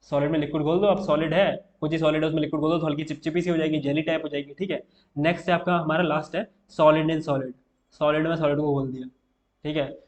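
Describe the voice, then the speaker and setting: Young man, slightly high voice, casual exam tutor, chemistry lesson, keeps checking in with students. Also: little pitch movement, fast, slight background noise. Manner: casual, repeats "theek hai" often, writing on board. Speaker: teacher.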